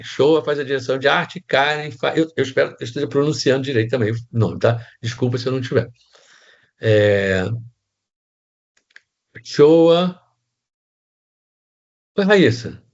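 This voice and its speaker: A man's voice: medium pitch, expressive, measured pace, vocal fry, pauses often, dull audio. A man with a Brazilian Portuguese accent teaching set design in a casual online class, rambling with restarts and many tag questions.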